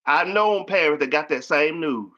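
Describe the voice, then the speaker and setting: A man's voice: on the high side, animated, moderate pace, bright, forceful tone. A man hosting a casual chat, telling stories in with a folksy manner and acting out quotes. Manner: storytelling, folksy, acts out quotes. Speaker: host. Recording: dull lo-fi audio.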